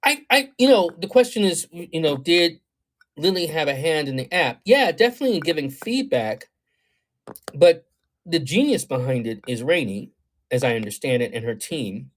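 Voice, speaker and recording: On a livestream, a man gives astrology readings, reading viewer comments aloud and reacting to them. His thoughtful talk meanders, packed with ums and you-knows. The voice is a little high and animated, at a moderate pace.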